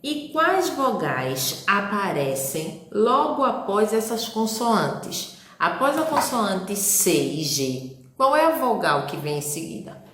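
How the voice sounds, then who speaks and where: A woman's voice: mid-range voice, sing-song, takes it slowly, a bit bright, reverberant. A woman teacher with a Brazilian Portuguese accent, giving a recorded lesson to young children and sounding out letters and syllables patiently.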